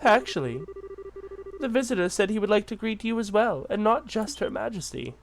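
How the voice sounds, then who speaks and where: A man doing a high-pitched, flustered castle maid. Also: big pitch swings, moderate pace, gravelly, a little hiss or hum, heavily acted.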